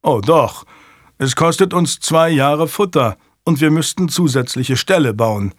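A man voicing a practical, skeptical male stable master who speaks in a measured way. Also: fairly high pitch, no echo, studio quality.

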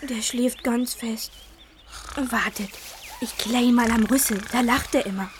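Gentle, reassuring young woman, played by an actress; high voice, noisy take. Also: unhurried, natural voice.

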